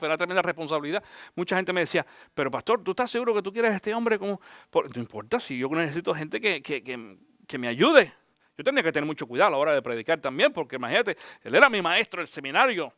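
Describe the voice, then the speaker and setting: A man, a pastor, giving an animated Bible teaching, often asking his listeners direct questions. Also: fairly high pitch, no room sound, clean studio sound.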